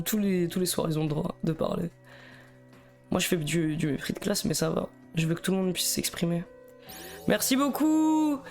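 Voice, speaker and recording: A man's voice: high voice, a little mellow. Nervous rambling young man streaming. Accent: Belgian French. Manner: rambling, nervous, stammering, laughing. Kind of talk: casual live stream chat.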